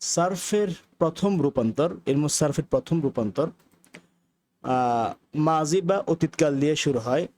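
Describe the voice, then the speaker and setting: A man's voice: fairly high pitch, lively intonation, a little mellow. Patient male grammar teacher. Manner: patient, repeats words slowly for practice. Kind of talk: video lesson.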